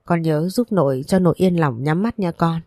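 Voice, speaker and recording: A woman's voice: fairly low pitch, normal speed, dark tone, dry recording, clean studio sound, lightly acted. A woman voicing a frail dying old grandmother in a storybook reading, speaking feebly and faintly. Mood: feeble. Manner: feeble, whispery.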